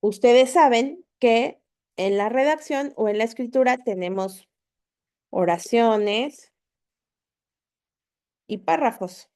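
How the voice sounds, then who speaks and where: Slightly high and darkish in tone, her voice moves slowly with frequent pauses as she tutors online students in spelling and punctuation. She patiently repeats points and often checks in with "¿ok?"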